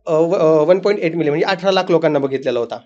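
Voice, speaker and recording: A man's voice: fairly high pitch, quick pace, darkish tone, muffled recording. A man, a family vlogger, telling his story earnestly in a casual interview.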